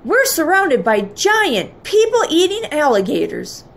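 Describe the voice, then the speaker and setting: A woman reading aloud, voicing an excitable father who exclaims as he goes. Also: very high voice, measured pace, pitched above the performer's own voice, exaggerated voice. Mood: excited.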